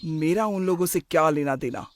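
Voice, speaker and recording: A performer voicing a young man in an animated moral story who drops English slang and sounds casual and dismissive. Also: medium pitch, moderate pace, no echo, natural voice. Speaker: son.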